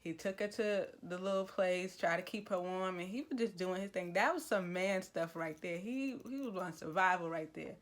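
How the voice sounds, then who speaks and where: A woman vlogger giving her opinions on a series in an animated, chatty, opinionated way. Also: lowish voice, moderate pace, few pauses. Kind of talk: casual review chat.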